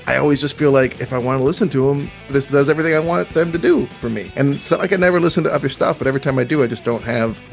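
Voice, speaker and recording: Guy with a gravelly voice hosting a music podcast, laid back and chatty, a bit of music underneath. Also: mid-range voice, very fast, hardly any pauses. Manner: relaxed, chatty, self-deprecating. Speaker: podcast host. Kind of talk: casual chat about music.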